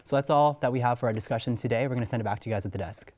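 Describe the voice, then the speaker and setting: A moderator leads a student sports panel with quick questions and short replies. The speech runs fast. The tone is mellow and dark. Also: female voice, extremely low pitch. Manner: quick questions, brief acknowledgements.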